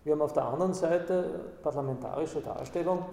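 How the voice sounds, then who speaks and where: A man's voice: a little high, a little fast, vocal fry, warm tone, a little hiss or hum. A man speaking discursively about politics and often checking in with "Ja?". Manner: discursive, tags points with "Ja?". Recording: roomy hall with long echo.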